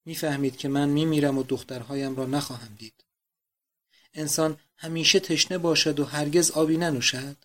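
Man doing a dying old father, feverish, pleading, grieving, slightly high voice. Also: steady tone, close to an everyday voice. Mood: bitter.

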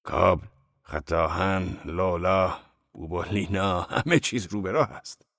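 Man doing a lively earthy old laborer. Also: low voice, vocal fry, no echo, studio quality. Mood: coaxing.

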